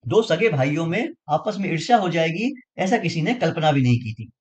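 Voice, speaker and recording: Man, vocabulary lesson, high voice, lively sing-song delivery, repeats words to drill them. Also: brisk. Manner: explains with repeated memory tricks, frequent checking questions. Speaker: vocabulary teacher. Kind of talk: exam-prep vocabulary lesson.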